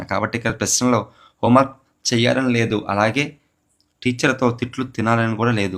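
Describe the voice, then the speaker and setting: This man's voice sits on the low side and has a fairly bright tone. He is teaching psychology for a teacher exam in a lecture that walks through an exam question. He asks something, answers it himself, and drives key terms home through repetition.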